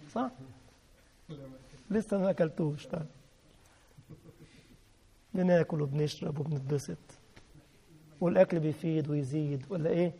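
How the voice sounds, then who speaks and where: This sermon comes from a man whose voice is high and mellow with a breathy edge, carrying an Egyptian Arabic accent. He preaches emphatically, repeating key phrases and questioning his audience, and the sound has a long hall reverb.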